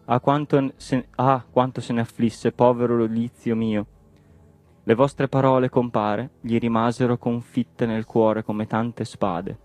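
A man's voice: medium pitch, little pitch movement, measured pace, a little mellow, dry recording, close to an everyday voice. A man voicing a grieving village widow who laments tearfully.

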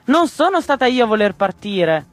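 A man voicing a lively, proud young girl in a storybook reading, excitable and quick to take offence, over soft music. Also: high voice, no room sound. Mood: defensive. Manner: indignant, excitable.

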